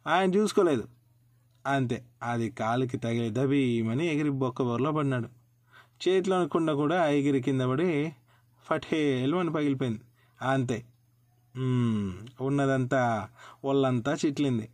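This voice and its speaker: A man narrating a folk tale in a lively, expressive way as a channel host. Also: medium pitch, a little slow, pauses often, no room sound.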